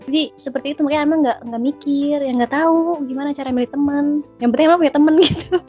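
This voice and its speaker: A woman's voice: high voice, quick pace, a little mellow, highs cut off, faint music behind. A young woman co-hosting a casual podcast chat, talkative and self-mocking, laughing often. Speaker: podcast co-host.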